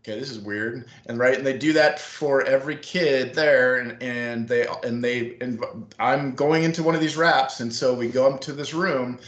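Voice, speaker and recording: A man's voice: medium pitch, moderate pace, lo-fi sound. A middle-aged man telling a long story in an interview, acting out what people said. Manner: animated storyteller acting out quotes. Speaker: former school staff member, guest. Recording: roomy echo.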